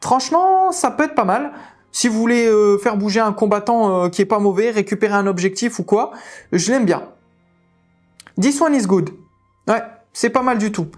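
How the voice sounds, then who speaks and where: A woman with a French accent hosting a tabletop game channel, chatting through new rules with lots of fillers and halting English readings. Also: mid-range voice, a little mellow, soft background music. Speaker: tabletop game video host. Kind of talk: casual rules explanation to viewers.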